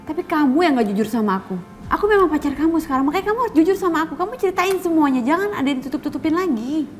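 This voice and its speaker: A woman's voice: high-pitched, expressive, rapid-fire, soft background music. A young woman pressing for the truth. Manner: insistent, pressing questions. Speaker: actress in a TV drama. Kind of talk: TV soap drama acting.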